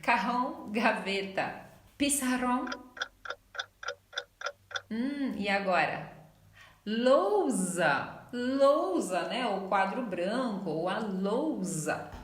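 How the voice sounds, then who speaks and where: A woman's voice: medium pitch, expressive, reverberant, background noise. A woman with a Brazilian accent teaching a Portuguese lesson, chatty and carefully sounding out model words. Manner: slow, clearly articulated model pronunciations, chatty asides. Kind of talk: online language lesson.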